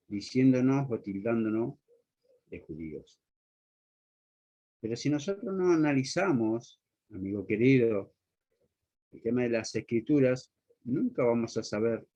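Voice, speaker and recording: A man's voice: medium pitch, a little mellow. Earnest male preacher, dull lo-fi recording. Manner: addresses the listener directly with rhetorical questions. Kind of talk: sermon.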